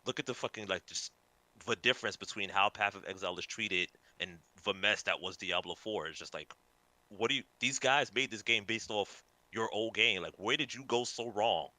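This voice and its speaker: Male podcast co-host, low voice with a sharp, bright edge, dry close mic, emphatic. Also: normal speed, dry recording. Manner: emphatic, talks through notes he wrote. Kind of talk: casual podcast chat.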